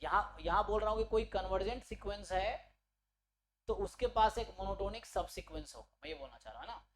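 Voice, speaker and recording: A man's voice: high-pitched, expressive, a little fast, a crowd in the background, poor audio. A man giving an online exam-prep maths lecture. He explains step by step, keeps checking in with his students, and corrects himself mid-sentence. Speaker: maths teacher.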